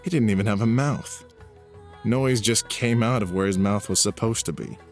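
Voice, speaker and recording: A man narrating a storybook in a steady, even reading voice. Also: lowish voice, moderate pace, faint music behind.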